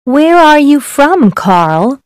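A woman on an English course listening recording, asking children clear, deliberate questions. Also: high voice, big pitch swings, dry recording, studio quality, heavily acted. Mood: friendly.

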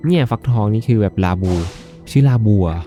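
A man's voice: fairly low pitch, big pitch swings, brisk, music in the background. A man giving chatty, jokey let's-play commentary with polite sentence endings as he plays a farming game. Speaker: gaming video host.

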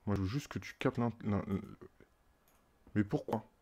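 French man, streamer, low mellow voice, muttering to himself, stop-start chatter. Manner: muttering to himself, halting restarts. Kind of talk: casual live-stream chatter.

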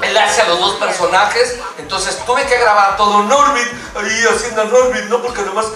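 A man with a Mexican accent, a voice actor joking with fans at an event, animated and slangy. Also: high-pitched, moderate pace. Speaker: voice actor guest. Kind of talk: fan event talk. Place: event hall. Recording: echoey hall from far off, music.

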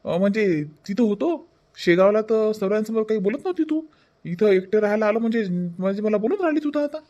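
A man's voice: high voice, brisk, a little mellow, lo-fi sound, close to an everyday voice. A man voicing a teasing, mildly exasperated young husband in a cartoon, with a Vidarbha Marathi accent. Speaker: cartoon dub voice.

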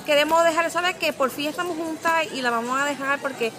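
A middle-aged woman chatting excitedly into a phone camera outdoors at a shopping mall, slipping in English words. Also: high-pitched, fast talker. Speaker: vlogger. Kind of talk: casual vlog chat. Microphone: phone camera at arm's length.

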